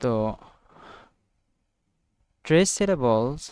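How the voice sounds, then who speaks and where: A young man with a Bangladeshi Bengali accent, a student giving an informal, unedited study lesson, thinking aloud and reading English definitions out slowly word by word. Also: fairly high pitch, expressive, a little mellow, smooth, no room sound. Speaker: student making study videos.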